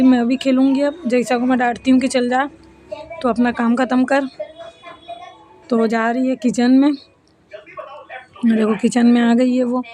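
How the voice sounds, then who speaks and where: A woman in her thirties narrates a casual home vlog in a high-pitched voice with a darkish tone. She chats with viewers like friends while she cooks and her family plays around her.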